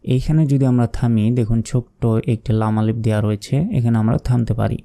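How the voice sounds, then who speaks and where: A man teaching Quran reading step by step, patiently spelling out letters and chanting verses slowly. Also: mid-range voice, steady tone, gravelly, dark tone. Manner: slow, drawn-out chanting of verses between plain explanations; patient, methodical spelling out of letters and vowel marks. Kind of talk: step-by-step recitation lesson.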